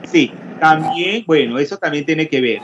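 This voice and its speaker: Male teacher in an online lecture, slightly high pitch, quizzes students, hesitant, muffled audio. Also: moderate pace. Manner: questioning, explanatory, many hesitations. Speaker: chemistry teacher. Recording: dull lo-fi audio with faint noise.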